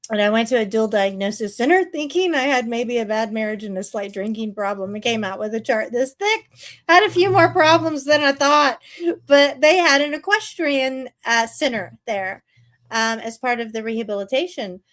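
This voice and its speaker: Candid, lively woman in her fifties. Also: a little high, moderate pace, poor audio. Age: 50s. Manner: candid and animated storyteller. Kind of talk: casual interview conversation.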